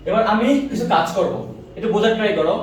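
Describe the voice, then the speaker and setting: A male physics teacher lecturing a class, firing quick questions and repeating answers in a call-and-response drill. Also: high-pitched, slight background noise. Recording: echoey room, mic far off.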